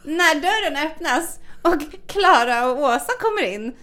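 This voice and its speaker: High-voiced woman telling a lively story. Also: a little hiss or hum. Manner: animated, swears a lot, acts out quoted dialogue. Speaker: podcast co-host. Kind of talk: casual storytelling chat.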